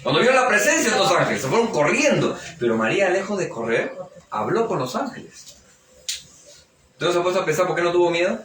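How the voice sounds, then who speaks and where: A fervent male pastor preaches in a church hall, his fairly high voice ringing back off the walls. He is caught from some distance by the microphone, with a faint hum of ambience underneath. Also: sing-song, fast talker. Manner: fervent, keeps interjecting praise and calling the listener brother. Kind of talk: live church sermon. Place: church hall during a service. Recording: echoey church hall, picked up from afar.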